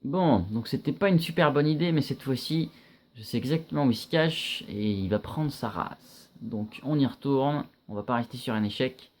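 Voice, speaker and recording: A young man giving casual, chatty commentary while playing a video game, reacting loudly and swearing often. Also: medium pitch, moderate pace.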